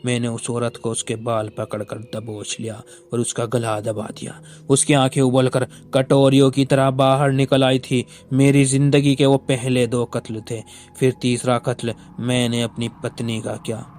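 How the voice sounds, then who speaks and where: A man's voice: medium pitch, flat delivery, measured pace, a little mellow, a little hiss or hum, close to an everyday voice. A man voicing a remorseful male ghost, centuries old, tearfully confessing his murders in a storybook tale.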